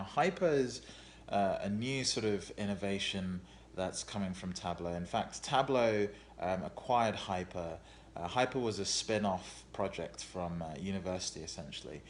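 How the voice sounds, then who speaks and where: A man's voice: fairly low pitch, a little hiss or hum. A man recapping a tech conference in a casual vlog, enthusiastic and full of superlatives.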